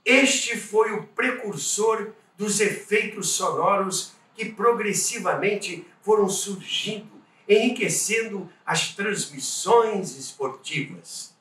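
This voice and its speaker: A podcast host with a Brazilian Portuguese accent narrates a scripted documentary about radio history, telling the story emphatically and addressing listeners directly. His voice is high and slow with few pauses, recorded at a distance in a roomy echo with background noise.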